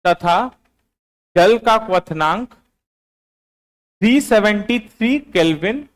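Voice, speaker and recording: A male teacher, giving a classroom lecture. He dictates notes slowly and repeats them, then quizzes his online students. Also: high-pitched, expressive. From Bihar, India.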